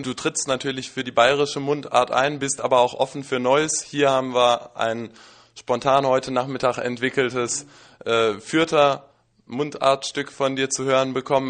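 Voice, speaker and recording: A man interviewing a comedian, asking questions in a relaxed, informal way with some fillers. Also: medium pitch.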